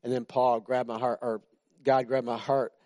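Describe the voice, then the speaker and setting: In a mellow, medium-pitched voice with flat delivery and moderate pace, a man in his sixties preaches casually to his church. He jokes with the congregation and keeps restarting sentences, in a dry, studio-quality recording.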